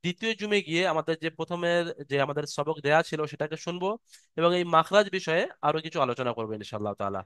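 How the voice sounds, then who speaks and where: A man teaching an online Quran recitation class over a video call. He is patient and sounds out each letter slowly and repeatedly. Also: fairly high pitch, expressive, fairly bright tone, clean tone, no echo, studio quality. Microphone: computer mic on a video call.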